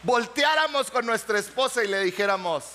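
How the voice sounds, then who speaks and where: Male pastor, very high voice, lively preaching in a church hall. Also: moderate pace. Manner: animated preaching, asks the congregation questions, acts out little dialogues. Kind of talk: sermon.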